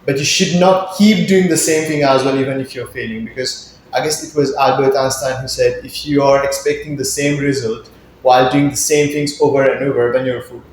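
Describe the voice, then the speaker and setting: A man's voice: mid-range voice, fairly even intonation, a little fast, slight background noise. A man from Mauritius with a Mauritian accent, answering interview questions conversationally and often repeating words as he searches for phrasing. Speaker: interview guest, business incubator worker. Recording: very echoey room, music in mix.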